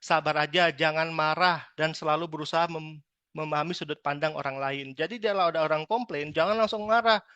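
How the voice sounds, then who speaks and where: A man from Medan giving a lively training talk on customer service, acting out customers now and then. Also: on the high side, fairly quick, clean tone, dry recording, lo-fi sound. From Medan, Indonesia. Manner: lively, chatty, acts out customer lines. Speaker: sales trainer.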